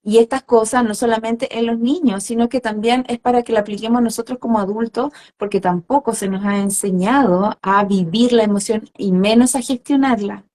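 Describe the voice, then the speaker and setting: A woman, speaking as a holistic therapist in a calm, reflective conversational way, with many fillers and tag questions. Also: on the high side, brisk, hardly any pauses. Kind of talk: conversational explanation.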